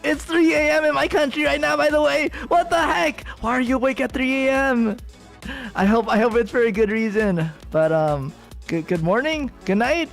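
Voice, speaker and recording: This young American VTuber rambles and giggles through casual livestream chat with his viewers, packed with fillers and restarts. He has a very high, gravelly voice at normal speed. Soft background music plays.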